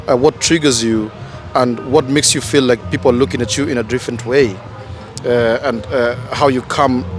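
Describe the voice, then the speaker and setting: Rambling Kenyan-born man, full of fillers. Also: mid-range voice. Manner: rambling, many fillers, lively. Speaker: interviewee, music producer. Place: outdoors in a park. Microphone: handheld mic held by interviewer.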